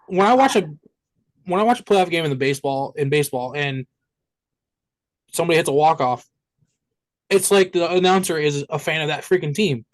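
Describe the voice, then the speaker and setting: A man's voice: fairly high pitch, brisk, pauses often, low-quality recording. A man co-hosting a sports podcast, talking casually and animatedly, swearing and laughing often. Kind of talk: casual chat.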